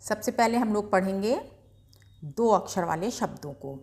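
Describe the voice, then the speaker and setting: A woman's voice: mid-range voice, animated, normal speed, darkish tone. A woman teaching beginners to read, patiently sounding out each syllable and stressing the long vowels. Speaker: Hindi reading teacher. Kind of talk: slow beginner reading lesson.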